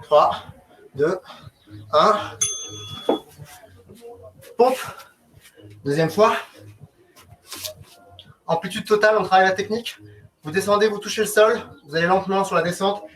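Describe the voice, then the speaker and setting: A man's voice: high-pitched, a little slow, pauses often, a bit bright. A man coaching a group workout, giving short, commanding and encouraging instructions. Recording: distant mic, noisy background, clicks.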